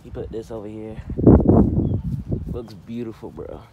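A young man chats through a casual home vlog. His voice sits low and relaxed, full of slang and quick laughs. The phone recording carries clear background noise. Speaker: vlogger. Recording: noisy phone video.

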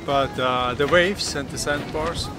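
A man's voice: a little high, unhurried, noisy background. Hesitant man interviewed on the beach. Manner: hesitant, filler uh, tag questions. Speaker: speed windsurfer, interviewee. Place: windy beach outdoors. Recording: music playing behind.

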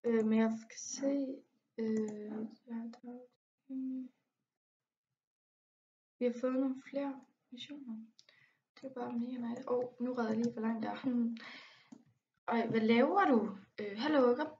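Excitable young woman gaming. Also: fairly high pitch, dull audio. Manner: excitable, quick to exclaim and complain, mixes in English slang. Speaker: gaming vlogger. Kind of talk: casual gameplay commentary.

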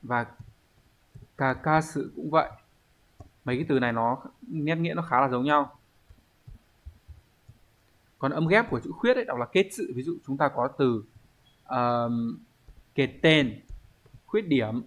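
A man teaching an online language lesson, explaining step by step at an unhurried pace and thinking aloud with pauses. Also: mid-range voice, animated. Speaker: Japanese teacher.

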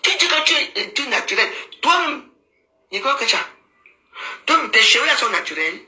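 Brief: woman, live-stream commentator, sharp bright voice, mocking and scolding, roomy phone sound. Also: on the high side, very animated, fairly quick. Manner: teasing, mocking, laughs often, scolding asides. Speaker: social media commentator. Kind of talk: casual Facebook live commentary. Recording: roomy echo, faint background noise.

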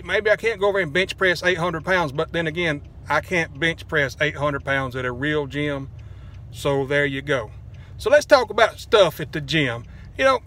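A man's voice: high voice, a bit bright, slight background noise. A man, vlogging from a parked car in a rambling, joking, self-deprecating way on a phone held close. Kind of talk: casual car vlog.

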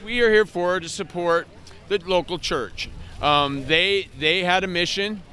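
An older man with a bright, fairly high voice, stopping and starting as he answers into a handheld mic outdoors. He fills the gaps with lots of pauses and fillers. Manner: halting, many fillers. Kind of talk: street interview. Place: outdoors at a rally. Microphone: handheld interviewer mic.

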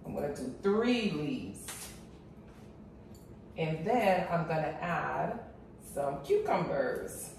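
A woman's voice: deep voice, sing-song, slow pace, gravelly, pauses often, a little mellow. A woman chatting casually to her viewers in a vlog about her patio garden and kitchen. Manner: chatty, addresses viewers as guys. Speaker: cooking and gardening vlogger. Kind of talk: casual chat to camera. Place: outdoor high-rise patio, then home kitchen. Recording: echoey, mic at a distance, noisy.

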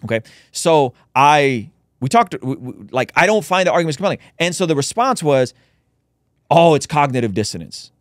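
A man's voice: on the high side, animated, brisk, few pauses, fairly bright tone, no room sound, studio quality. A man hosting a podcast, making a casual, argumentative rebuttal with frequent restarts. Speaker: podcast host.

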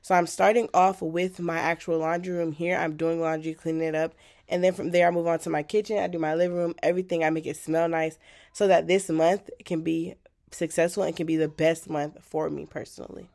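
A woman's voice: low-pitched, flat delivery, a little fast, vocal fry, darkish tone. A 19-year-old woman from Michigan talking casually to her viewers as she vlogs at home, calling them y'all. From Michigan, USA. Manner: chatty, addresses viewers as y'all. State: out of breath. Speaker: vlogger. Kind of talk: casual vlog talk. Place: home, indoors.

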